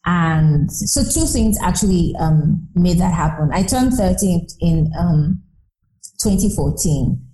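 Earnest and emphatic, this thirty-something interview guest reflects aloud and builds each point by repeating it. She takes her time, speaking in a lowish voice with a dark tone. Her words echo through a roomy space.

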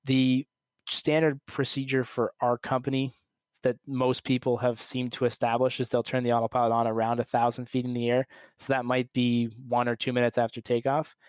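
A young man, an airline pilot, calmly and methodically explaining his work in an interview. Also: mid-range voice, moderate pace, clean tone, no echo. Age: young adult. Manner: calm, methodical, plain explaining. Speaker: commercial airline pilot, podcast guest.

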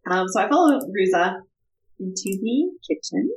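A woman's voice: mid-range voice, moderate pace, low-quality recording. A woman playing a tabletop game, chatting casually out of character. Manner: casual, laughing asides, lively. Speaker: player.

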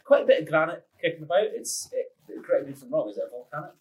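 Chatty man with lively pitch. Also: very fast, rough recording. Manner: chatty, laughs often, trailing restarts. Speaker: podcast host. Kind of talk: casual interview chat.

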